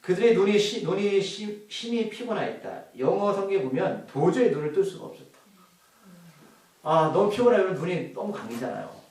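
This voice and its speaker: Animated male preacher in echoey hall. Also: high-pitched, normal speed, distant mic. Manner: animated, questions to congregation. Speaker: pastor. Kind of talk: sermon. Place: church hall.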